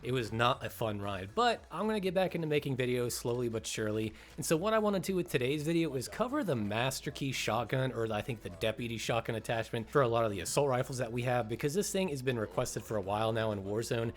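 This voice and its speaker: A man's voice: mid-range voice, animated, quick pace, few pauses. Congested young man in casual game commentary. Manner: enthusiastic, chatty, laughs at how fun the weapon is. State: congested after illness. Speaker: gaming video host.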